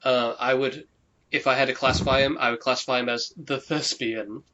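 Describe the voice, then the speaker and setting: A man's voice: medium pitch, steady tone, a little fast. A young man chatting loosely on a podcast, his talk full of "you know" and "like," broken up by laughter and offhand swearing. The recording is a little dull and lo-fi, with a faint hiss underneath. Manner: laughs often, swears casually, rambling fillers. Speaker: podcast co-host. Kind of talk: casual chat.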